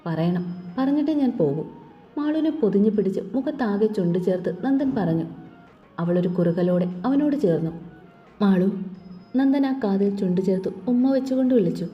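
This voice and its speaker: A woman narrating a romantic family story in a steady, measured reading voice. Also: medium pitch, faint music behind. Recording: dull lo-fi recording with long reverb.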